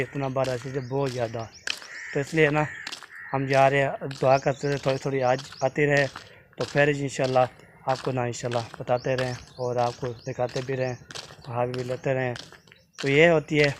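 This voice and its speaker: A man from Pakistan vlogging as he walks outdoors, talking slowly and carefully, with many repeated fillers and pious phrases. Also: medium pitch, a little hiss or hum. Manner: speaks slowly and deliberately, says his tongue slips. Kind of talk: casual walking vlog. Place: outdoors, walking along a village road.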